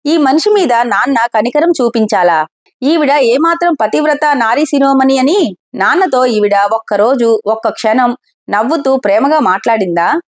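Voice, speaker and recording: A woman's voice: sits high, expressive, moderate pace. A woman doing a furious grown daughter. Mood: angry accusing. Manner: accusing, heated. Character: angry grown daughter, fiercely loyal to her father.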